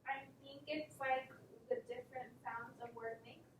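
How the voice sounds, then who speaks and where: A woman's voice: steady tone, measured pace. A woman playing a student, giving tentative, hesitant answers. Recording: echoey room, distant mic, faint rumble.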